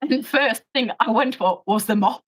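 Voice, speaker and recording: A woman, a former prison officer, tells workplace stories in a blunt, animated way and swears freely. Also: on the high side, moderate pace, breathy edge. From United Kingdom. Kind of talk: casual storytelling chat.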